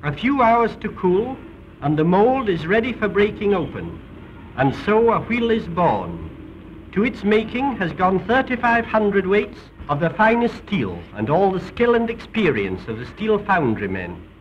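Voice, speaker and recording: Unhurried and high-voiced, a British man narrates in a formal, somewhat theatrical way reminiscent of a 1930s documentary presenter, his phrases swinging with liveliness. The recording is an old film soundtrack, dull and carrying some noise.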